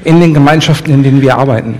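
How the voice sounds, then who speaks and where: A man interpreting a sermon live, rephrasing quickly with some hesitation. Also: medium pitch, a little mellow. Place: church hall. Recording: long church hall reverb.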